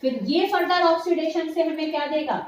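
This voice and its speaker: A woman's voice: high-pitched, a little fast. A woman teaching chemistry to a class, often checking that the students follow and calling them "beta". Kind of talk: classroom lecture mixing Hindi and English terms. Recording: echoey room with faint noise.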